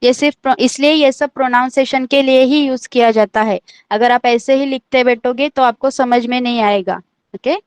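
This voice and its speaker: A woman's voice: high voice, steady tone, normal speed, clean tone, dry recording. A woman teaching an online language class, patiently repeating each letter and checking that everyone understands.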